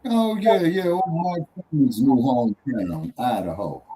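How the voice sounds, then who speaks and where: Slow-drawling man hosting a talk show. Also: medium pitch, expressive, mellow, breathy edge. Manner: loose, heckling, drawling asides. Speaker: podcast host. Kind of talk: casual talk show chat.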